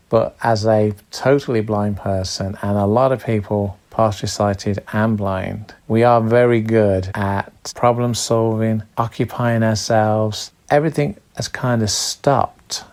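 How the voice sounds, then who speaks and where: A blind professional entertainer from Birmingham, giving a steady personal account of recent months. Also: male voice, fairly low pitch. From Birmingham, England. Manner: plain, steady storytelling.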